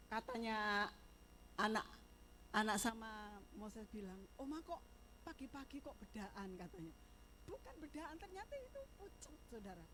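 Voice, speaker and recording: A woman's voice: a little high, background noise. An older woman giving a sermon testimony, moving from fervent preaching into chatty storytelling. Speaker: church minister.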